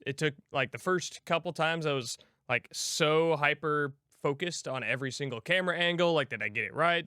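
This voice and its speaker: A man's voice: medium pitch, sharp tone, clear, resonant tone, no echo, clean studio sound. A man co-hosting a podcast, chatting casually in a thoughtful, agreeable way. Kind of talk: casual chat.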